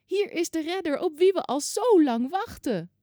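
A woman's voice: very high-pitched, animated, normal speed, dark tone, no room sound, clean studio sound, pitched above the performer's own voice. A woman doing a shaky, very old woman. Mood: joyful. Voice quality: shaky, trembling voice. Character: very old woman, over a hundred, overjoyed. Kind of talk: children's Bible story reading.

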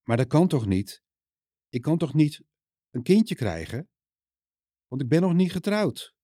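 A man's voice: on the low side, lively intonation, measured pace, dark tone, dry recording, clean studio sound. A man voicing a timid young village woman in a children's Bible story, speaking in a hesitant, questioning way. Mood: puzzled.

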